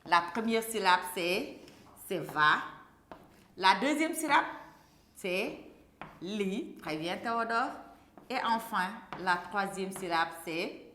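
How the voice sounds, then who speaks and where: Lady teaching little kids, slow and repetitive, echoey room. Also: medium pitch, lively intonation, pushed and bright, a little hiss or hum. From Senegal. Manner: slow, drawn-out, repeating words for young pupils. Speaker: primary school teacher. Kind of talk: classroom teaching. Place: classroom. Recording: echoey classroom.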